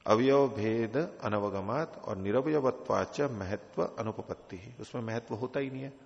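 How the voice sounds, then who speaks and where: Gravelly-voiced male teacher lecturing. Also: medium pitch, unhurried. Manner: patient, explains with repeated examples. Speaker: teacher of philosophy texts. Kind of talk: classroom lecture with questions. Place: teaching hall at an ashram. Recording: dull reverberant hall recording.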